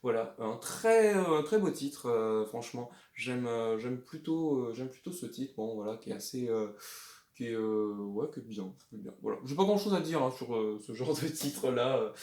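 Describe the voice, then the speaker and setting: A man's voice: medium pitch, animated, normal speed, a little mellow. Chatty man rambling about records, echoey room. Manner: rambling, many hesitations, enthusiastic about records. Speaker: record collector vlogger. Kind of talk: casual show-and-tell of flea-market finds. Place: indoors at home.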